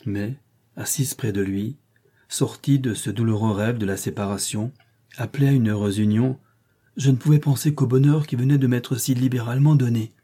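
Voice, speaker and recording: A man narrating an audiobook in a measured, literary storytelling manner. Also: medium pitch, dark tone, husky.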